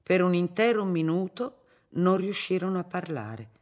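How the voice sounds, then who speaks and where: A reader giving a measured, even narration of a literary novel for an audiobook. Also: mid-range voice.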